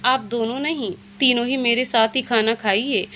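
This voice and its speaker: A woman's voice: a little high, normal speed, pushed and bright, a little hiss or hum. Woman reading as a frail emotional young woman. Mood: gentle.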